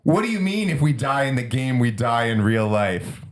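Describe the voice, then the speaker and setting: A man's voice: mid-range voice, very animated, normal speed, a little hiss or hum, pitched above the performer's own voice, lightly acted. A man doing a panicked movie hero trapped in a video game. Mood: alarmed.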